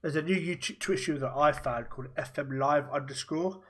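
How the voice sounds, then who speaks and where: Brief: young male podcast host, rapid and chatty, a touch high-pitched. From raised Welsh, born in Germany. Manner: quick, chatty, asks rapid-fire questions. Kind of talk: casual podcast interview.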